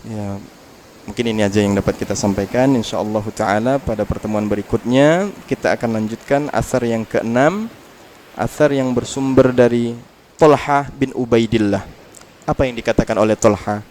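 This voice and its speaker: A man's voice: medium pitch, moderate pace, a little mellow, a little hiss or hum. Indonesian preacher man, chatty and joking. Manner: chatty, jokes with the audience, recites Arabic. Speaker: Islamic preacher. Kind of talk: mosque study lecture.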